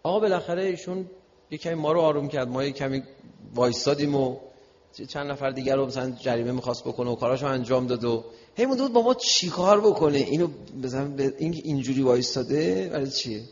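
A man preaching a sermon and telling a personal story in a lively way, at times acting out raised voices. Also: mid-range voice. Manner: lively storytelling, acts out shouting. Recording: dull sound with long hall reverb.

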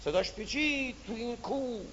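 A man's voice: very high voice, fairly bright tone, husky, long reverb tail. A male preacher telling a story in a sermon, dramatically drawing out repeated words. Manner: dramatic storytelling, drawn-out repetitions. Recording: dull lo-fi recording.

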